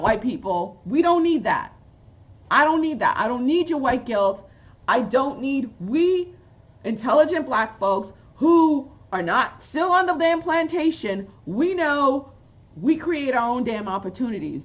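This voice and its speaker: Speaking at a measured pace, this Haitian-born channel host in her forties, who grew up in New York, delivers an opinionated vlog rant from an indoor room lined with bookshelves. Her voice sits fairly high and is captured by a close webcam, and she is animated, leaping from loud outbursts to low muttered remarks.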